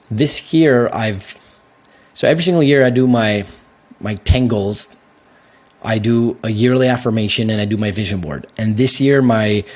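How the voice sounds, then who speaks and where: Fairly low in pitch, this young Canadian guest responds to interview questions in a relaxed, lively manner, breaking into laughter readily and frequently starting his sentences over.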